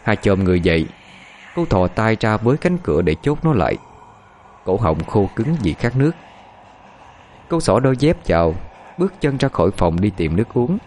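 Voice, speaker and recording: A man giving steady, scripted narration of a ghost story. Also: on the low side, moderate pace, long pauses, a little hiss or hum.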